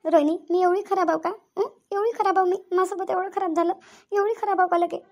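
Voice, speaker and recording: Heartbroken cartoon wife; very high, fast, tearful pleading. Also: female voice, fairly even intonation. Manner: tearful, pleading, repeats herself. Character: grieving young wife and mother. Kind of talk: Marathi cartoon voice acting.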